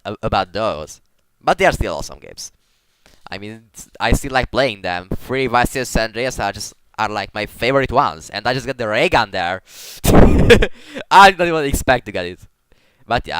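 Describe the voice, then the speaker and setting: A man's voice: medium pitch, fairly bright tone, smooth. A man giving casual commentary while playing a game. He rambles, stumbles over his words and restarts sentences often. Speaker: gaming commentator.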